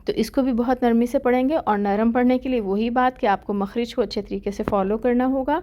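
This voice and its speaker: A woman teaching Quran letter pronunciation in a patient online lesson, drilling syllables slowly and repeating them. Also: fairly high pitch, fairly even intonation, mellow. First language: Urdu.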